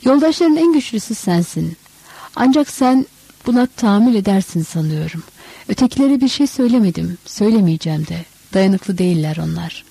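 A woman's voice: mid-range voice, animated, a little fast, creaky, dark tone, breathy edge, no echo, poor audio. A woman voicing an earnest, sleepless wandering teacher in a storybook reading. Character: weary, intense wandering teacher, man.

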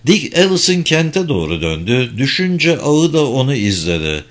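A man reading a dark novel aloud as an audiobook narrator, with expressive delivery. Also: medium pitch, normal speed.

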